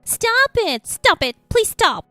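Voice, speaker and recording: A woman voicing a harsh, defensive middle-aged mother-in-law in a storybook reading, with a shrill, pleading manner. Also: big pitch swings, moderate pace, fairly bright tone, no echo, soft background music.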